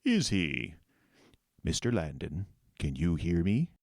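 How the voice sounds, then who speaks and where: Deep-voiced commanding old Santa. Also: male voice, wildly swooping pitch, takes it slowly, darkish tone, slightly rough, no echo, clean studio sound, full character voice. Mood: curious. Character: Santa, kindly authoritative old man in charge. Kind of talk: comedic audio drama acting.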